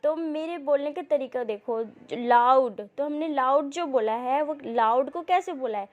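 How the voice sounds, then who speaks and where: Female coaching-class teacher, high voice, patient explainer who keeps checking in with students. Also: darkish tone, muffled recording. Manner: reads English passages slowly and deliberately. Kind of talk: exam-prep coaching lecture.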